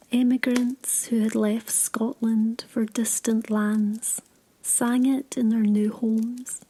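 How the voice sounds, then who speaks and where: A woman narrating a scripted sleep story in a hushed, breathy whisper, soothing and unhurried. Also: a little high, rough recording.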